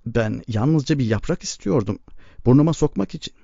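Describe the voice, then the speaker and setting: A man's voice: mid-range voice, lively intonation, brisk, gravelly, mellow, no room sound. A man reading the lines of a small boy who speaks while sobbing. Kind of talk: audiobook reading. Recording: dull lo-fi recording.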